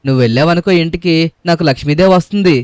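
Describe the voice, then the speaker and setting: A young man hosting a gaming channel, narrating game play in character with excitable, dramatic shouts and groans. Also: fairly high pitch, very fast, dry recording. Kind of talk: game voiceover commentary in character.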